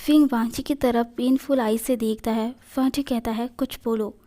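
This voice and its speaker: Woman reading a story aloud, mellow tone. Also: a little high, steady tone, normal speed. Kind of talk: fan fiction read aloud.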